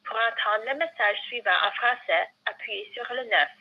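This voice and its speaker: A woman's breathy voice plays as a recorded phone menu message over a dull phone line. She reads the customer service prompts in an even, measured way. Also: fairly high pitch.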